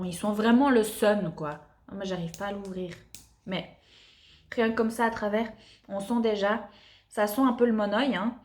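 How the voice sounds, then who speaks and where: A woman's voice: mid-range voice, darkish tone. A young woman reviewing beauty products in a chatty, enthusiastic way with lots of fillers. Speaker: beauty vlogger.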